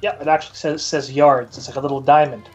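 Fast-talking man guiding his friends. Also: fairly high pitch, steady tone, lo-fi sound, music in the background. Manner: helpful, explaining, chatty. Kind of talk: casual gaming chat.

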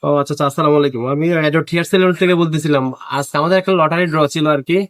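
A man's voice: on the high side, steady tone, racing, a bit bright, dry recording, studio quality. A man, hosting an informal lucky draw and speaking to winners. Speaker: host of a salon lucky draw. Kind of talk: informal prize-draw announcing and phone calls to winners.

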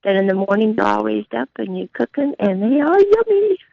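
A woman's voice: a little high, big pitch swings, brisk, gravelly, a crowd in the background. A woman calling in to a radio show, chatty and friendly as she shares a home recipe. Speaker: caller. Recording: dull dry phone line.

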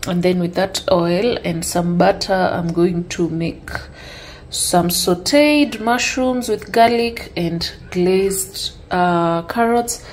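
A young lifestyle vlogger chats casually with her viewers, calling them "guys," while filming at home with a handheld camera in her kitchen and dressing room. Her voice is lowish and slow, with slight background noise, and her manner is relaxed and talkative.

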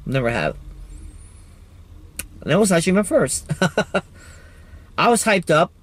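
A man vlogging trackside outdoors on a handheld phone, gushing and excitable. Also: fairly high pitch, unhurried. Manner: excitable, gushing, loud whoops. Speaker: railfan vlogger. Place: outdoors by a railroad line near a store lot.

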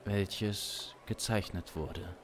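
Close on a studio condenser mic in a small room, a thirty-something man narrates an improvised crime tale, deliberate and suspenseful, leaving long pauses. His low voice holds a steady tone as instrumental music plays beneath it.

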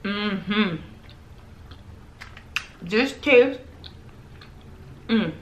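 A woman chatting casually to camera as she tastes and reviews groceries, describing each bite between pauses. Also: medium pitch, expressive. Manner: chatty, tasting and describing food between bites.

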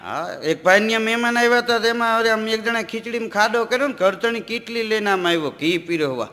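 A man's voice: sits high, fast, bright, forceful tone. A man telling comic stories and reciting verse on stage. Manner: jokey anecdotes with quoted dialogue and recited verse. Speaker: folk comedian and storyteller. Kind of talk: stage comic storytelling to a live audience. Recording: live stage recording with long hall reverb. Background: audience laughter.

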